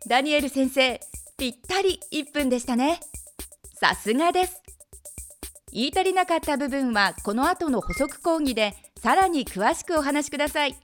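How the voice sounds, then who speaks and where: A woman giving scripted TV narration in a crisp, polite announcer manner. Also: sits high, expressive, moderate pace, soft background music. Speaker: program narrator.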